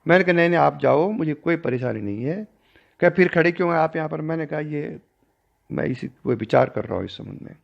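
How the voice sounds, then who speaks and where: Older guy guru telling a story, gravelly voice, muffled lo-fi sound. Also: expressive, fairly quick. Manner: storytelling, acting out dialogue with shifts in pitch and loudness. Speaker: spiritual teacher. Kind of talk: recounting a personal story in a discourse. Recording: dull lo-fi recording.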